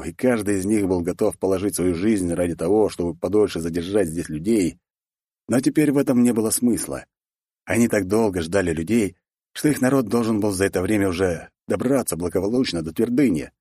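A man reads a first-person fantasy audiobook in a matter-of-fact, wry way. His voice is low and husky. The recording is dry and close. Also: brisk, warm tone, no room sound. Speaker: audiobook narrator.

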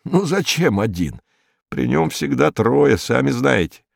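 A man voicing a frightened, superstitious male gangster informer who talks in a jumpy, rambling, pleading way, in a high, strained voice with a gravelly edge. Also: very animated, measured pace, no room sound, studio quality, exaggerated voice. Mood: sullen.

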